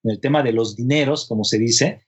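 A man's voice: mid-range voice, fairly quick, slightly rough, muffled recording. A man telling a history story in casual conversation, acting out the dialogue, with frequent tag questions and fillers.

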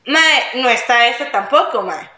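A young woman with a Costa Rican accent telling a story in casual chat, acting out her own wailing in a high strained voice. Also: expressive, a little slow, pushed and bright, echoey room. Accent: Costa Rican Spanish. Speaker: podcast co-host.

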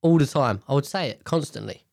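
A man's voice: medium pitch, animated, fairly quick, gravelly, a little mellow, no echo, clean studio sound. A British man hosting a casual, rambling commentary on the news in a nasal voice, congested from a sinus infection, blunt and sweary. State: blocked nose from sinus infection. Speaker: host.

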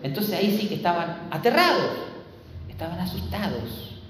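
Animated preacher in echoey hall. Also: medium pitch, moderate pace, background noise. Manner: animated, repeats phrases for emphasis, addresses the congregation directly. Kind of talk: sermon. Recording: echoey hall with long reverb.

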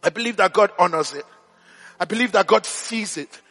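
Bright high-voiced male preacher. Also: lively intonation, moderate pace, faint music behind. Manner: impassioned, rising to shouted appeals; repetitive rhetorical questions. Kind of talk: sermon.

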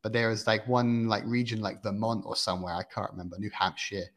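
A man's voice: fairly low pitch, steady tone, brisk, fairly bright tone. A man co-hosting a podcast, chatting casually about a film and often searching for his words with fillers. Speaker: podcast co-host. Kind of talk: casual film review chat.

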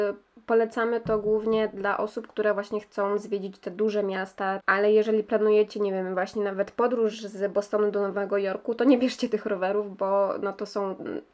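A young woman co-hosts a casual podcast in an easy, conversational way. Her pitch stays level with little rise and fall. She sits at a middle pitch. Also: darkish tone. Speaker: podcast co-host.

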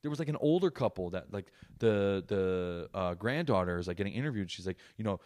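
A young man with a lowish voice riffs on a comedy podcast. He swears freely and breaks into loud bursts of mock outrage. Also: expressive, fairly quick. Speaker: podcast host. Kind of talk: casual comedic rant.

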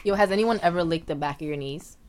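A woman's voice: lowish voice, a little hiss or hum. A woman in her twenties co-hosting a podcast, blunt and slangy, laughing often in casual chat. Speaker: podcast co-host.

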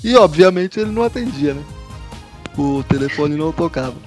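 A man's voice: on the high side, animated, brisk, darkish tone, faint music behind. A Brazilian man in casual, conversational football chat as a show host.

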